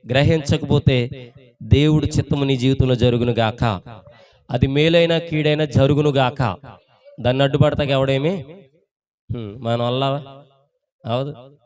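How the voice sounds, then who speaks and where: A pastor preaching a Sunday sermon in church. He fires off repeated rhetorical questions and swings between loud and hushed delivery. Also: medium pitch.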